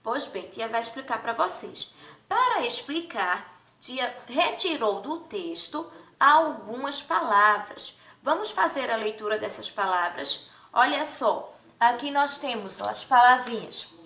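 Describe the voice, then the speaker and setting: A high, bright woman teaching young children, stretching each word slowly and lifting her voice into sing-song questions. She sounds set back from the mic in an echoey room. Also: animated, far from the mic. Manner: slow, drawn-out syllables for children. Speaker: primary school teacher. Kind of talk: remote children's lesson.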